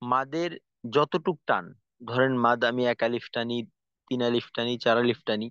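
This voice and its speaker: A man teaching Quranic pronunciation, patiently demonstrating each sound by repeating it slowly. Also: medium pitch, fairly bright tone, smooth, dry recording, muffled recording. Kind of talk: spoken lesson on pronunciation.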